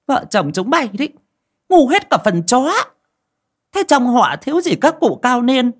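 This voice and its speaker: A man voicing a fierce, bossy older village aunt who scolds loudly. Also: extremely high pitch, big pitch swings, moderate pace, voice pushed up, exaggerated voice. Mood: furious scolding. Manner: shouting, scolding.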